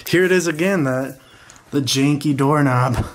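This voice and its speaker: A man casually commenting on things he finds while exploring an abandoned trailer home, recorded on a handheld camera. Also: fairly high pitch. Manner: slow, offhand remarks on found items. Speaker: urban explorer. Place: abandoned trailer homes, indoors. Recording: noisy handheld camera audio.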